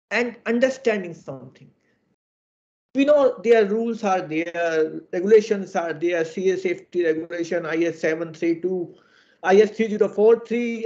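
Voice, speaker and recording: A man's voice: high voice, a little mellow, dull audio. A man with an Indian English accent giving a formal, earnest webinar presentation, heard through screen-recorded video call audio. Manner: earnest and exhorting, fond of idioms. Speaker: webinar presenter on electrical safety.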